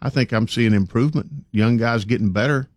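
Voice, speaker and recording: A man's voice: medium pitch, brisk, dry recording. Plain-spoken male sports talk host, dry sound. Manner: plain-spoken, folksy, opinionated. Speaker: sports talk show commentator.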